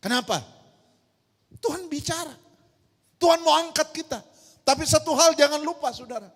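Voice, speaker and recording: A woman's voice: high voice, normal speed. A woman pastor preaching an emphatic sermon, firing rhetorical questions at her congregation in a large church hall. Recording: long church-hall reverb.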